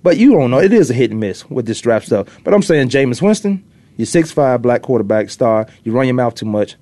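A man's voice: mid-range voice, very animated, a little fast, dark tone, dry recording. A middle-aged man from Virginia hosting casual sports talk, opinionated and rambling, repeating himself for emphasis. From Virginia, US East Coast. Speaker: sports talk show host, former pro defensive back.

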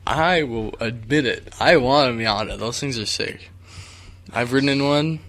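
A teenage boy co-hosting a casual chat show, teasing and excitable, often laughing. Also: mid-range voice, a little slow, background noise. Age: teens. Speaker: co-host.

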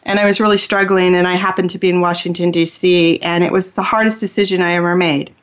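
A woman's voice: fairly low pitch, flat delivery, fast, clear, resonant tone. A woman who hosts a spiritual healing radio show, telling a personal story in an earnest, heartfelt way.

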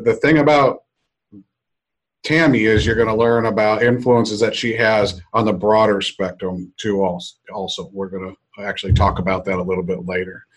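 A middle-aged American man with a fairly low voice hosts an unscripted podcast. He is reflective and deliberate, pausing often as he explains. He is recorded on a meeting room mic in an office conference room. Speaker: podcast host.

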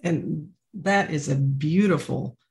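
A woman's voice: low voice, slow pace, darkish tone. A woman hosting a podcast interview who responds to her guest with affirming enthusiasm. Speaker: podcast host. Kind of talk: conversational interview.

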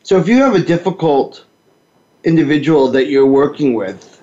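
A man's voice: fairly high pitch, animated, moderate pace, mellow. Man hosting talk radio in an echoey space. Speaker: radio talk show host. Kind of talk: conversational monologue on behavioral therapy. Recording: echoey room, dull lo-fi sound.

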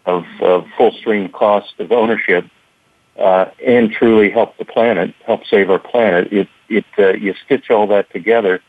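A man, a company guest answering an interviewer, speaking haltingly with many repeats and fillers. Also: fairly low pitch, steady tone, no echo. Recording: tinny phone-like line.

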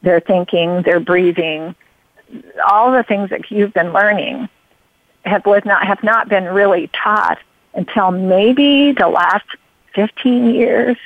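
A radio show host interviews a guest in a medium-pitched voice at a slow pace, with no echo. He rambles in long runs full of fillers and restarts, drifting into personal stories, and the sound is narrow and phone-like.

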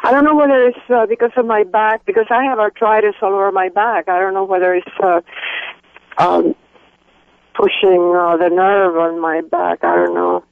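A woman calling in over the phone to a radio show, talking hesitantly with many pauses. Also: mid-range voice, no echo. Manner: hesitant, full of pauses and fillers. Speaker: caller. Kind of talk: call-in question to a radio show. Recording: tinny phone line.

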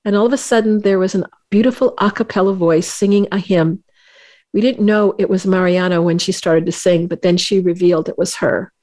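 A woman's voice: medium pitch, steady tone, darkish tone. A woman hosting a talk show, speaking earnestly with frequent restarts and fillers. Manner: earnest, halting, with many restarts. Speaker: radio show host.

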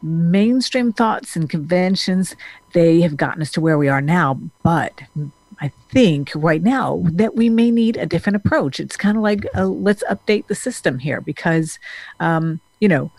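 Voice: mid-range voice, animated, unhurried, darkish tone. A therapist who grew up in Denmark talks straight to the camera in an earnest, meandering way. The speaker often restarts sentences and reaches for words. The sound is dry and close, with no room echo. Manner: earnest, rambling, with frequent restarts and fillers. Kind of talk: casual talking-head monologue.

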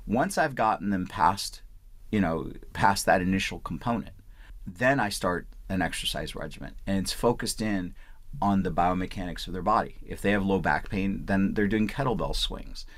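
Speaking at a normal speed in a deep voice, a Punjabi doctor from India explains his answers during an interview and keeps returning to phrases beginning "I want."

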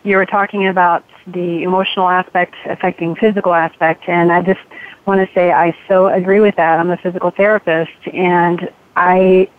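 A woman calling in to a radio talk show over a phone line, speaking earnestly and haltingly with fillers. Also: on the low side, flat delivery. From San Diego area. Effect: caller heard over a phone line.

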